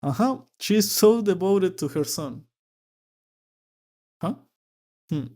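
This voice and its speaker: A man with a slightly high voice talks through a manga in a relaxed, casual way. He takes his time, speaks unhurriedly, and often stumbles and repeats words while he works out what he thinks. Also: takes it slowly. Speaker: manga reader and commentator. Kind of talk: casual reaction commentary while reading aloud.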